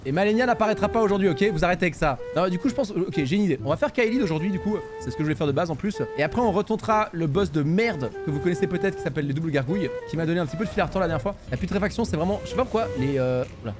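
Excitable young man swearing at a game. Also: high-pitched, racing, hardly any pauses. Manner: excitable, swears a lot, yelps in surprise. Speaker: gaming streamer. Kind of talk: live game commentary. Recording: game music loud behind the voice. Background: game music.

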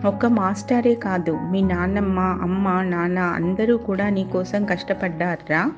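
A woman voicing a loyal, gentle old male farmhand who talks in a pleading, fatherly way. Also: mid-range voice, fairly even intonation, unhurried, natural voice. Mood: firm. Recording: slightly dull, faint music behind.

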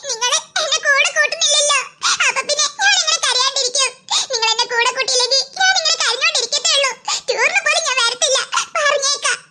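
A woman's voice: animated, fairly quick, background noise. A woman voicing an anxious, clingy schoolgirl who whines and pleads tearfully in a cartoon. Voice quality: whiny and tearful, high child voice. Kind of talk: cartoon voice acting.

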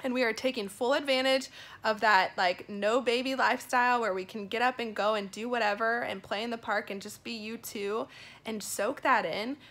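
A young woman with a fairly high, bright and forceful voice. She talks casually to her phone like a vlogger, earnest and emphatic as she encourages her viewers. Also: steady tone, normal speed. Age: young adult. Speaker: vlog host giving an encouragement message. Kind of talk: casual motivational talk to camera. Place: small indoor room at home. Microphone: phone at arm's length.

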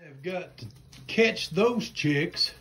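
Man, folksy homestead vlogger, phone at arm's length, slightly high voice, faint farm noise behind. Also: lively intonation, slow pace. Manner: folksy, chatty, says y'all. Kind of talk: casual how-to vlog. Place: farm barn and backyard outdoors. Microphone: phone camera at arm's length.

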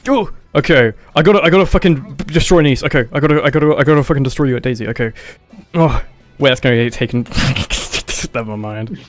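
This man, speaking fast in a mid-range voice with no echo, hosts a laid-back gaming livestream. He mumbles, hesitates and swears a lot while game music plays quietly underneath.

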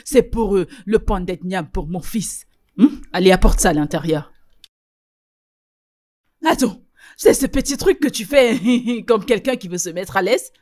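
A woman's voice: medium pitch, measured pace, long pauses, darkish tone, lightly acted. An actress dubbing a bossy, scolding older mother in a French film dub. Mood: sarcastic. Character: overbearing older mother visiting her son.

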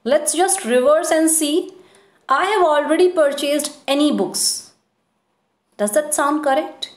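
A woman teacher explaining grammar step by step, repeating points and checking in with her students. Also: high-pitched. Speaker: school teacher. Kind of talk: grammar lesson. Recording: echoey room.

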